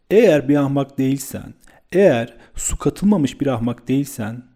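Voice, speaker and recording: A man voicing a loud hot-tempered young friend. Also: medium pitch. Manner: forceful, scolding, raised voice.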